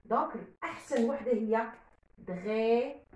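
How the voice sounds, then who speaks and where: A woman's voice: fairly high pitch, moderate pace, a little mellow. A woman teaching a French grammar lesson step by step, switching between Arabic and French. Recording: echoey room.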